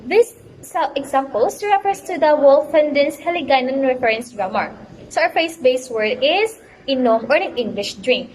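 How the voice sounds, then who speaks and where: A young woman student presenting a class report, reading her explanations carefully and a little haltingly. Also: high voice, animated, poor audio. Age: young adult.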